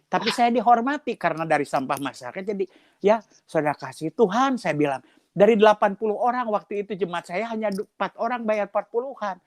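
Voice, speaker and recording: Lively storytelling pastor. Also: male voice, quick pace. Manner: lively storytelling, acts out dialogue with shifting pitch. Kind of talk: testimony sermon.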